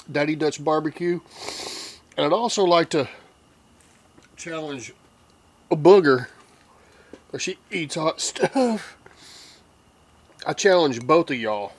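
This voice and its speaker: On his cooking vlog, an older Texan man with a fairly high, breathy voice taste-tests a hot barbecue sauce in casual fashion. The heat leaves him teary with a running nose, and he reacts slowly with drawn-out hums and sighs.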